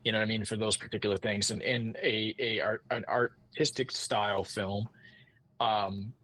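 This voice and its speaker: Speaking at normal speed with a lowish, level and fairly bright voice, a composer chats as a podcast guest. The conversational interview is informal and meandering, and he frequently restates what he has just said.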